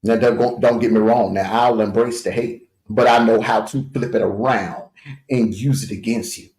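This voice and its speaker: A man's voice: on the low side, steady tone, normal speed, darkish tone. A man hosting a livestream, giving a taunting, jeering commentary rant with scornful laughs. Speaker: livestream host. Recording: echoey room.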